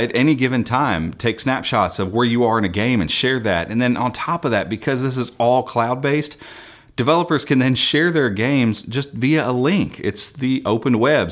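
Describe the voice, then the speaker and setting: Presenting for a tech channel, an American man with a mid-range voice walks viewers through topics in an enthusiastic, conversational, unscripted style.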